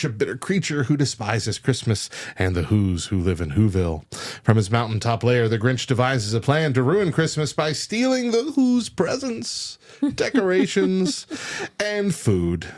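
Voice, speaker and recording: Animated man hosting a podcast. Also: mid-range voice. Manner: animated, laughs often, loose rambling asides. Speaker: podcast host. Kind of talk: casual podcast chat.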